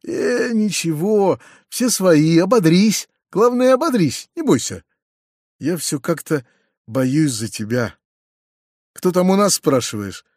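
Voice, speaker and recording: A man voicing a kind, excitable middle-aged uncle who gushes, hurries and stammers. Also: on the high side, slow pace, dry recording, studio quality. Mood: gushing.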